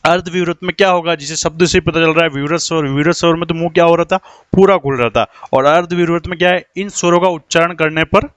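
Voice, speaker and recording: A man teaching a grammar lesson, asking questions and answering them himself, slowing down to dictate definitions. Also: a little high, steady tone, fairly bright tone, clear, resonant tone, dry recording. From India. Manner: asks rhetorical questions and answers them himself, slows down while writing on the board.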